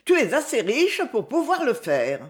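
A gentle, anxious old father, a banker in a read-aloud novel, as a woman narrator voices him. He speaks softly and imploringly to his daughter, his pitch moving widely. The tone stays close to the reader's own, only a little lower at times. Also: wildly swooping pitch, moderate pace.

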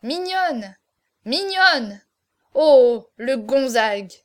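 A woman voicing a boisterous male Gascon swordsman who talks loudly in blustering exclamations. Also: sits high, expressive, very slow, heavily acted.

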